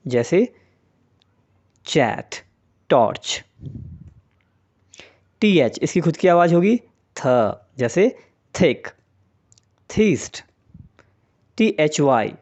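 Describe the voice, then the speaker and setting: A man's voice: on the high side, darkish tone, dull audio. A man teaching English pronunciation in Hindi, patiently spelling out letters and saying example words one by one. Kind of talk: spoken English lesson in Hindi.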